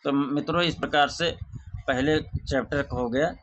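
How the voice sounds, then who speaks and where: A man teaching an exam revision lesson, reciting questions and answers in a steady drilling way. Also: a little high, unhurried, dull audio, slight background noise. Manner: softer, chatty sign-off to viewers.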